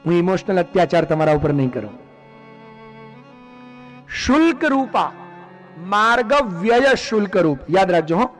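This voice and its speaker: Animated high-voiced preacher. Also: male voice, moderate pace, long pauses, faint music behind. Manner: animated, asks the audience questions and answers them himself. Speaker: religious discourse speaker. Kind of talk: devotional sermon.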